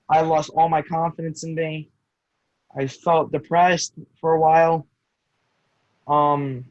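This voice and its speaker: A man's voice: a little high, no room sound. A young man, a guest race driver, telling his story on a casual podcast, stumbling and restarting his sentences often. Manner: halting, with frequent restarts and self-corrections. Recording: dull lo-fi call audio.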